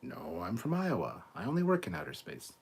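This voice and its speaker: Relaxed husky man chatting on a live stream. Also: low-pitched, a little fast. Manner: relaxed and chatty, reads comments aloud, trails off softly. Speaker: host of a live fan show. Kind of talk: casual live-stream chat reading viewer comments.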